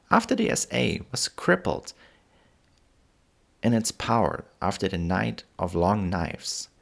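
German guy narrating history, raspy and creaky, says v instead of w. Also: fairly low pitch. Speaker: history channel host. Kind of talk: scripted narration.

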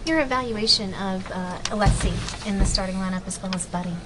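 A woman reporter asking brisk, direct postgame questions. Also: medium pitch, noisy background.

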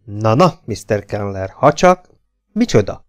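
A man voicing an elderly, fussy and excitable male professor in an audiobook, exclaiming with drawn-out words. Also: on the low side.

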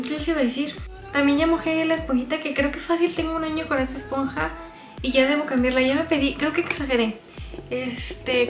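A woman's voice: high voice, roomy sound. A young woman in her twenties with a Mexican accent, chatting and rambling with self-deprecating asides while doing her makeup in a small bedroom. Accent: Mexican Spanish. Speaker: vlogger. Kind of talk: casual makeup vlog chat.

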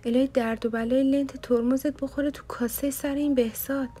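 A woman's voice: high voice, steady tone, mellow, voice pushed up, close to an everyday voice. Woman voicing a joking young male student. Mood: teasing. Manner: mock-cursing, teasing banter.

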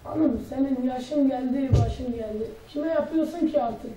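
A woman's voice: high voice, a little slow, a crowd in the background. A woman playing a kindly old village father, head of the household, in a stage drama. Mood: concerned. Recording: echoey, distant, faint background noise.

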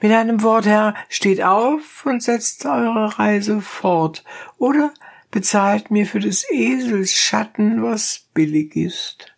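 Stubborn donkey driver , narrator doing the voice, high and pedantic, gravelly edge, slow. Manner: high, drawn-out, pedantic insistence. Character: stubborn male donkey driver, defiant and cool. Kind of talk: audiobook narration.

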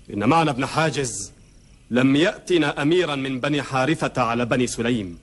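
Casting: male actor as devout desert chieftain for a historical epic, mid-pitched, firm, declamatory, admonishing. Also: lightly acted. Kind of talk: historical epic TV drama acting in formal Classical Arabic.

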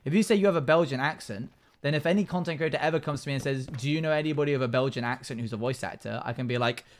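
Reading out viewers' messages and responding, a twenty-something man streams a game from a small indoor home room, commenting in a chatty way. His voice is mid-range and very fast.

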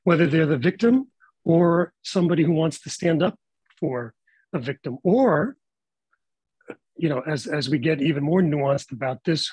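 A man talks on a video call panel in a slightly high, husky voice, picked up close and dry. He speaks in a measured, reflective way and often restarts words while he gathers his thoughts. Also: darkish tone, no room sound, rough recording. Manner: measured, thoughtful, with frequent fillers and repeated words. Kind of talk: panel discussion remarks.

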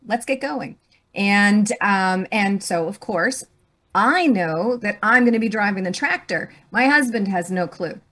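A middle-aged woman, a business leader, telling a personal story as a guest on a podcast, animated and restarting her phrases. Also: mid-range voice. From grew up on a farm.

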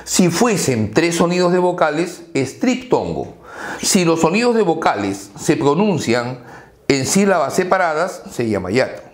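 A man teaching a language lesson for entrance exams, drilling examples and answering his own questions. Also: on the high side. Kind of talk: exam-prep lecture. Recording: echoey room.

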